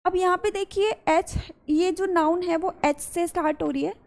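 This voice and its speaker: A woman's voice: extremely high pitch, steady tone, normal speed. A woman with an Indian English accent teaching an English grammar lesson, mixing Hindi and English. She explains step by step and repeats key words. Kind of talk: classroom-style grammar lesson.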